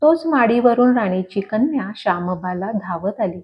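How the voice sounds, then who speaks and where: A woman narrating a devotional folk story in a measured, expressive storytelling manner, on a dull lo-fi recording. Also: medium pitch.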